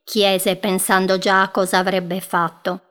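A woman narrating a children's story gently, drawing words out. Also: medium pitch, level tone, measured pace, clean tone. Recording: music bed behind.

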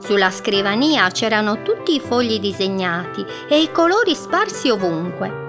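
A woman narrating a children's story in a gentle, unhurried storytelling manner, stretching words for effect. Clear music plays behind her the whole time. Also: medium pitch, sing-song.

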